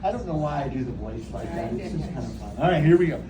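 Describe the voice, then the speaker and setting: A puppeteer talks playfully and teasingly to children at a live show, asking them questions. He has a medium-pitched, expressive voice and talks fast, captured from a distance in an echoey, noisy room with a live audience.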